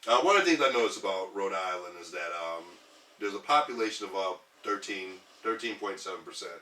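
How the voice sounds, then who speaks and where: A man in his thirties from Detroit talks earnestly as a podcast guest, his slightly low voice carrying a bright, forceful edge. He rambles through ums and restarts. He sits away from the mic in an echoey room. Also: lively intonation, fast talker, recorded from a distance. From Detroit, US Midwest. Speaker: podcast guest, community organizer. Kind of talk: casual podcast conversation.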